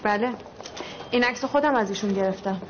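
An actress playing a firm, guarded magazine photographer in dubbed film dialogue. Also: female voice, mid-range voice, noisy background, close to an everyday voice. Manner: cool, firm. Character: brisk, guarded woman photographer. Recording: dull film soundtrack.

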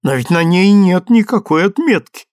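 A man voicing a high-strung young mother whose shrill pleas tip into hysterics. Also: lively intonation, normal speed, a little mellow, no echo, studio quality. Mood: anxious.

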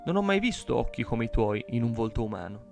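A man voicing a calm, steadfast monk who speaks firmly and defiantly. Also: medium pitch, fast, gravelly, music in the background, pitched below the performer's own voice. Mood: calm probing. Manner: calm, then firm and defiant.

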